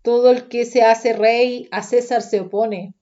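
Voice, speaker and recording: A woman reading the lines of an angry crowd of men, with raised, insistent, higher-pitched outcries. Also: steady tone, measured pace, mellow, highs cut off, close to an everyday voice. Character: angry shouting crowd of men demanding execution.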